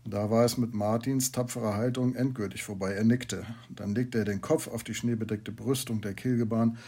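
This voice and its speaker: A man reading a story aloud in a calm storytelling manner. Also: lowish voice, husky. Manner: calm storytelling, quieter for asides. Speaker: narrator.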